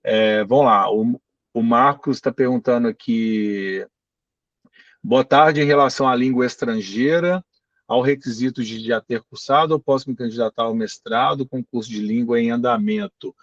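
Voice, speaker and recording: A man's voice: medium pitch, normal speed, no echo. A man, a professor explaining graduate admissions in an online session, often checking in with listeners. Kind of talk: online info session, answering questions. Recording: dull distant video-call audio.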